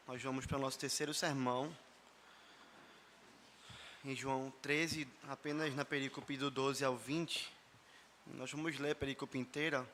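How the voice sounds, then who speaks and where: Brazilian male pastor, hoarse, earnest sermon delivery, bright edge to the voice. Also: mid-range voice, slight background noise. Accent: Brazilian Portuguese. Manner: earnest, addresses the congregation directly as brothers. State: hoarse after a flu. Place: church service.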